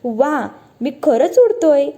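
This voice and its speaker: A woman voicing a frightened but brave little boy in a children's story, in a raised, excited childlike voice. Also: high voice, unhurried. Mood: eager, wide-eyed.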